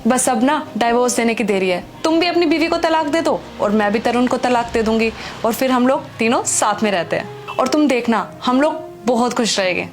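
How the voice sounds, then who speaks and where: A woman's voice: fairly high pitch, lively intonation, moderate pace, soft background music, natural voice. A woman playing a pleading, anxious pregnant wife. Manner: pleading, defensive, emotional. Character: anxious pregnant married woman, secretly in love. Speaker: actor. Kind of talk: Hindi web skit acting.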